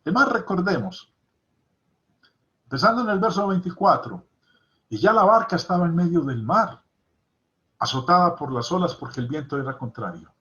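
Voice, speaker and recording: A man's voice: on the high side, expressive, moderate pace, pauses often, pushed and bright. A man teaching a Bible study lesson, reading scripture aloud and stressing key points by repeating them. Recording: dull lo-fi recording.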